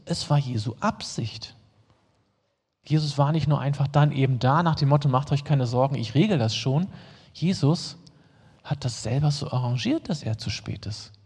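In a large hall with long, ringing reverb, a male preacher with a dark, husky, mid-range voice reads scripture aloud and explains it. Between verses he turns to the congregation with relaxed, plain-spoken asides.

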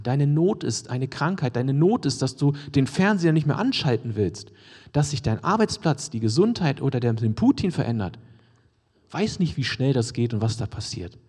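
Male preacher, conversational sermon, husky and mellow, long hall echo. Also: on the high side. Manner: conversational, asks the audience questions, frequent "ne?" and "ja?"; drops to a near whisper for emphasis.

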